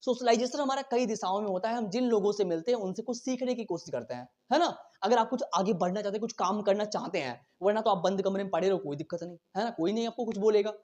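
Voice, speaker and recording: A man teaching an exam-prep lesson at a very fast pace, chatty and casual, mixing in English terms and often checking in with his students. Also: sits high, a little mellow. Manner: very fast talker, says he cannot slow down.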